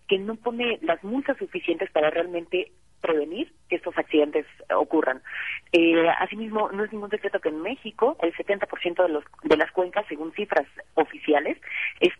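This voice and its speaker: A woman speaks as a guest on a tinny phone line. Her voice is husky and dry. She talks earnestly, filling her pauses with "eh". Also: fairly low pitch, dry recording. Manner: earnest, many "eh" fillers. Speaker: phone guest, Greenpeace campaign coordinator. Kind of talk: interview over the phone. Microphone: telephone.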